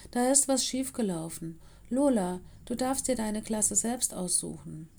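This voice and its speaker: A woman voicing a calm, warm female cat headmistress in a storybook reading, speaking slowly and reassuringly. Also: medium pitch, gravelly. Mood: kind. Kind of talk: audiobook reading.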